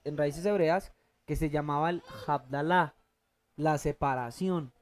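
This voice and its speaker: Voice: mid-range voice, a little mellow. Preacher quizzing the congregation mid-sermon. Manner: asks the congregation fill-in questions, repeats key words slowly; halting restarts, thinking aloud. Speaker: preacher teaching a Bible class. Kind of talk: church teaching sermon.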